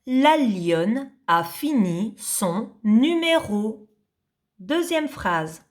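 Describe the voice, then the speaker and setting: A woman teaching young children to read in French, spelling out syllables slowly and distinctly, patient and repeating each sound. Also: a little high, big pitch swings. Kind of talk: slow reading lesson for young children.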